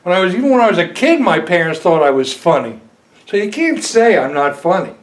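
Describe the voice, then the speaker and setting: A man's voice: high voice, big pitch swings, brisk. Guy doing a touchy older husband, voice bouncing up and down, roomy echo. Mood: offended. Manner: indignant, defensive. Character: stiff older husband, indignant and defensive. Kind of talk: film drama acting.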